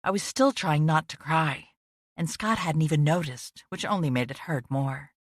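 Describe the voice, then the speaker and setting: A woman reading a first-person audiobook narration in a measured, introspective way. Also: low voice, dry recording, studio quality.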